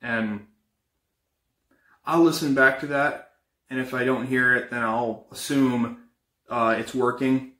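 Man acting halting, bright-voiced young ghost investigator, echoey. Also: mid-range voice, steady tone. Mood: uneasy, matter-of-fact. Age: young adult. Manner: halting, hesitant, casual. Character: uneasy young man investigating paranormal disturbances. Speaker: narrator of a found footage horror film. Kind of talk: improvised found footage monologue. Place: indoors, bedroom and kitchen. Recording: echoey room, amateur camera audio.

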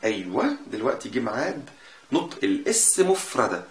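A man with an Egyptian Arabic accent teaches in a casual, lively way and says each sound again and again to demonstrate it. He talks quickly at a middling pitch. The room echoes around him and there is faint background noise. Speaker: German language teacher. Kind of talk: casual explanatory lesson.

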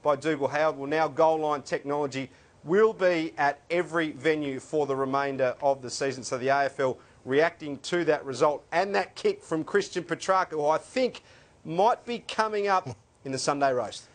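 A man with an Australian accent hosting a football show, brisk and lightly joking. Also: fairly high pitch. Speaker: sports show host. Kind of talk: casual sports chat.

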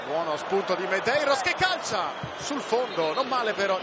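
A man giving excitable live television football commentary, rising toward shouts at key moments. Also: high-pitched, normal speed. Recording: loud stadium crowd noise behind. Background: roaring stadium crowd.

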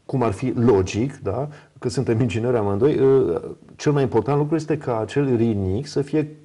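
Older guy w/ hosting a talk show, soft dark tone, kinda halting, keeps checking he got it. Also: mid-range voice. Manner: hesitant, checking his understanding as he goes. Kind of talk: conversational studio interview. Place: small TV studio, indoors. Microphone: lapel mic.

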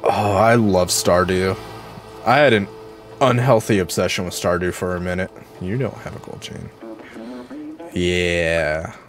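A man's voice: sits low, steady tone, measured pace, faint music behind. A man streaming a video game at home, chatting casually and rambling with lots of "like" and "um". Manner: chatty and rambling, many fillers like "like" and "um". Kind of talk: casual gameplay commentary.

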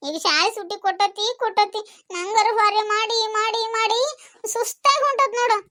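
A woman's voice: very high voice, steady tone, normal speed, pushed and bright. A woman with a North Karnataka Kannada accent playing a boastful, sulky village girl who talks in a whiny way.

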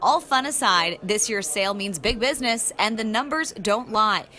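A woman's voice: medium pitch, moderate pace, sharp tone. A woman reporter presenting a broadcast feature, upbeat and playful as she interviews people.

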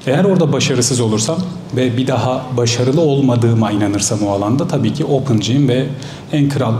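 A man's voice: mid-range voice, a little fast, warm tone, slight background noise. A thirty-year-old man, a bodybuilder on a stage panel, answering fan questions directly and confidently, a bit combative. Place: large hall stage with live audience. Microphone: handheld mic. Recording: echoey hall.

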